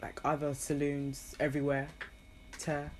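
A woman's voice: sits low, a little slow, a little hiss or hum. Playful young woman, casual. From Trinidad. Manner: playful, laughing, animated storytelling. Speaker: podcast guest. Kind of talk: casual chat.

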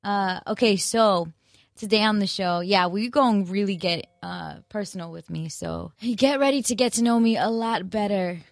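A woman's voice: medium pitch, vocal fry, no echo. A woman hosting her own podcast, chatting casually in a rambling, musing way and correcting herself as she goes. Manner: relaxed and unhurried. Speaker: podcast host. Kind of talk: casual solo podcast chat.

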